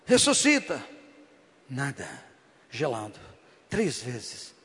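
A man's voice: medium pitch, huge pitch swings, slow, bright, forceful tone, husky. A man with a Brazilian Portuguese accent preaching a sermon to a congregation as pastor, emphatic and repetitive, often asking the crowd for an "amen". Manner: emphatic, repeats phrases, keeps asking the congregation "Amém?". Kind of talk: sermon with personal testimony. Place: church before a congregation. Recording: long reverb of a church hall.

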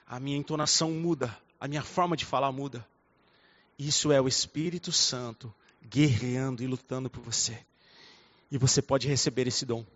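A man preaching a fervent sermon, swinging between soft, intimate passages and loud, fiery ones. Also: mid-range voice, steady tone, moderate pace. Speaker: pastor. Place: church hall. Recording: dull recording in a reverberant hall.

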